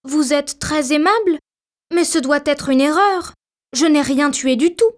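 A woman's voice: very high-pitched, expressive, unhurried, voice pushed up. Dorothée, a woman playing a timid little girl. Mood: hesitant. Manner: startled, exclaiming.

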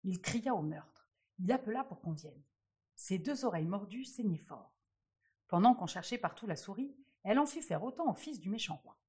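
A woman reading a fairy tale aloud with expressive storytelling. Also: mid-range voice, moderate pace, slightly rough.

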